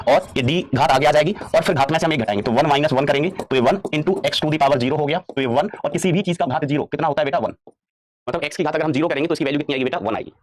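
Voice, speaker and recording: A man's voice: a little high, a little hiss or hum. A man teaching a live online maths class, calling students "beta" and answering his own questions. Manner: urges students on with rapid repetitions.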